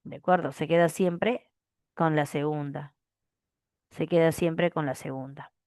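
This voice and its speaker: A woman teaches a grammar lesson in a slightly low voice. She repeats each rule several times and keeps checking that her students follow along. The recording is dry and close. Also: fairly even intonation, unhurried, a little mellow, no echo. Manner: repeats key phrases, asks frequent "¿de acuerdo?". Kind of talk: classroom language lesson.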